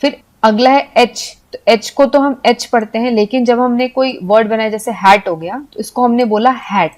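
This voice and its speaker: A woman giving a patient video lesson for Hindi speakers, explaining step by step and spelling letters out slowly. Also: fairly high pitch, darkish tone. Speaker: English teacher.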